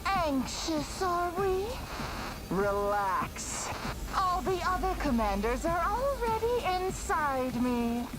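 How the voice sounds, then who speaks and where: A woman's voice: very high-pitched, sing-song, slow, exaggerated voice, low-quality recording. A woman playing a deranged, sadistic villainess in a video game, taunting and gloating theatrically with music under her. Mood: mocking. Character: Vashnis, deranged sadistic villainess devouring rivals to become a god. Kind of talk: theatrical anime-style game voice acting.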